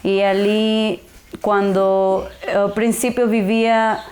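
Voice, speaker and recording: Here a young adult resident from Ecuador, Spanish-speaking by birth, offers a personal testimony in faltering Portuguese, slipping Spanish words in, with an Ecuadorian Spanish accent. Her delivery is flat, her pitch medium, her tone a little mellow.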